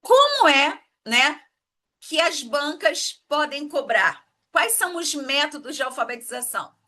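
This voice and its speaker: A woman's voice: high-pitched, very animated, a little slow, pushed and bright. A woman teaching an exam-prep lesson, explaining step by step and checking in with her students often.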